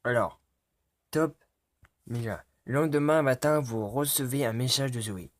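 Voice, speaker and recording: A man's voice: medium pitch, measured pace. A man doing casual let's play commentary. He reads dialogue choices aloud and reacts with jokes and swearing. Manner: swears often, jokey reactions. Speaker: let's player.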